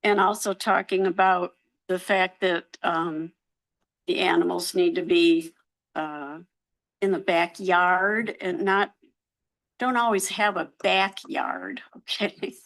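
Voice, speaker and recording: Woman, resident at the podium, slow, gravelly, hesitant, lots of ums. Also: lowish voice, steady tone, fairly bright tone, low-quality recording. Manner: hesitant, many ums and restarts. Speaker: resident giving public comment. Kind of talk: public comment at a council meeting. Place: council chambers.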